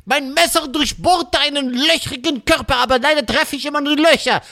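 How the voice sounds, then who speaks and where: A man's voice: very high-pitched, a little fast, sharp tone, exaggerated voice. A man voicing a scheming, melodramatic Camembert crown prince in a comedy audio sketch. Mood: shrieking frenzy. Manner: melodramatic, mock-pompous, drops to a hoarse whisper.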